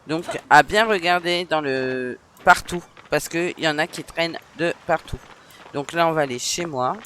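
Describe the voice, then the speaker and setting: A man's voice: fairly high pitch, normal speed, a bit bright, a little hiss or hum. A man with a northern French accent giving casual, chatty let's-play commentary, with frequent hesitations. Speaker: gaming streamer.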